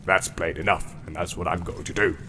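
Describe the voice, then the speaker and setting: A man voicing a snarling, brutal male orc captain with a growling, gravelly voice. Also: sits low, fairly even intonation, brisk, pushed and bright, slight background noise, pitched below the performer's own voice. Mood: stern.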